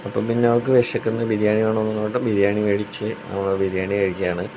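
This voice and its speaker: A woman's voice: a bass voice, little pitch movement, quick pace, muffled recording. A woman vlogging her child's school day, chatting to viewers and teasing her daughter with questions, outdoors at a busy school on a rainy day. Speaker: family vlogger and mother. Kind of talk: casual vlog narration to viewers. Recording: noisy phone audio with a crowd. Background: crowd of parents and children, background noise.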